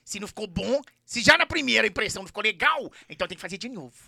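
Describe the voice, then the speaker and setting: Gravelly, laughing comedian. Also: male voice, high voice, sing-song, rapid-fire, bright, forceful tone, no echo, studio quality. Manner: jokey, laughs often at his own jokes. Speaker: comedian guest. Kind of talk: playful interview chat.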